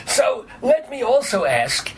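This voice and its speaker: A man hosting a joking, casual interview in a playful, wisecracking way with Yiddish-flavored asides, on a recording with a low rumble. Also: huge pitch swings, slow pace, poor audio. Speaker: talk show host.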